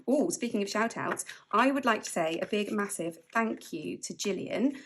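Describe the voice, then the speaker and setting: A woman's voice: mid-range voice, expressive, normal speed, fairly bright tone, a little hiss or hum. A woman vlogger from the UK chatting casually while she counts cash aloud and laughs often. She sounds a bit spaced out from medication. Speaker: budgeting vlogger.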